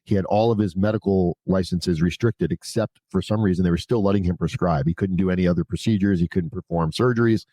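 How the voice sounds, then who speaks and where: A low, warm male voice comes through fast with hardly any pauses and no echo. He's a prison consultant appearing as a podcast guest, telling his story candidly and conversationally in blunt, informal language with casual swearing.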